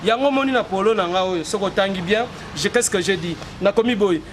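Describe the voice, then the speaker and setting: A man's voice: high-pitched, fairly quick. A man in his forties, giving an earnest street interview and building to emphatic, rhetorical declarations. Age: 40s. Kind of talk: street interview, mixing French and Lingala. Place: outdoors on a city street. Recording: noisy street with passing traffic.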